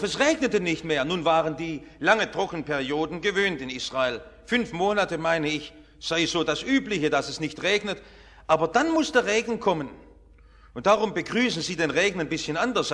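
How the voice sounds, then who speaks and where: A pastor preaching a harvest festival sermon in a church, dramatic, swinging between soft and loud. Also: male voice, on the high side, lively intonation, normal speed. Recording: long church reverb.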